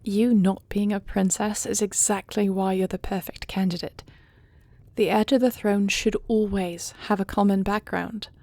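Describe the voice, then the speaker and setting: Reassuring and stately, a regal dragon queen performed by a woman speaks earnestly and motherly in a scripted audio roleplay drama. Her natural, medium-pitched voice carries a creaky edge and fairly even intonation, captured close in a dry recording, with formal, measured phrasing and a gentle touch.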